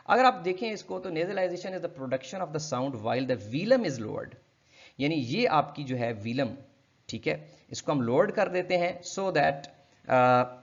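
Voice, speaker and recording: A man gives a linguistics lecture, his voice sitting a little high. He walks through each point step by step and repeats example words slowly. The recording sounds dull and lo-fi. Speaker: linguistics teacher. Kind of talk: explanatory lecture.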